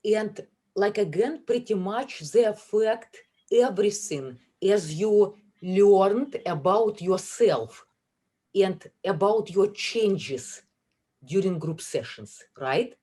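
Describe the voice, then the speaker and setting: A woman hosting a webinar over a video call, speaking slowly and deliberately and pausing between the words in a list. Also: medium pitch, animated, warm tone, slightly rough. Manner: slow, deliberate, listing words one by one. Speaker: webinar host. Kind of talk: guided webinar talk.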